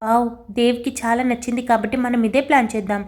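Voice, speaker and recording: A woman's voice: fairly high pitch, steady tone, fast, a little mellow, close to an everyday voice. A woman voicing an older sister who scolds fondly in a storybook reading. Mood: scolding.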